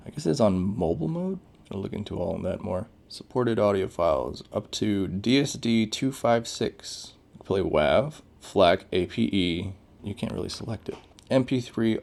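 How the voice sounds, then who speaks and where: A gadget reviewer with a lowish, creaky, darkish voice shares casual first impressions off the cuff, thinking aloud as he reads out the menus.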